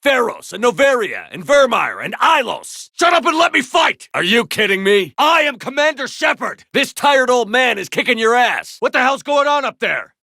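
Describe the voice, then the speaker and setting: A man's voice: very high voice, big pitch swings, moderate pace, creaky, hardly any pauses, bright, forceful tone, dry recording, full character voice. A man voicing a tough, commanding military starship commander in a video game, with a terse, authoritative, dry delivery. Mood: shouting, urgent.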